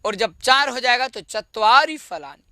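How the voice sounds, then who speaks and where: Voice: medium pitch, expressive, moderate pace, bright, forceful tone, no room sound. A teacher giving an online class, patiently drilling each form aloud, repeating it and quizzing the pupils. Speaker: Sanskrit teacher.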